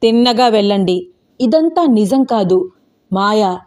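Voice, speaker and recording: Possessed girl with a stern spirit voice, a woman puts it on, slow grave warnings, mellow tone, audio story. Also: mid-range voice, lively intonation.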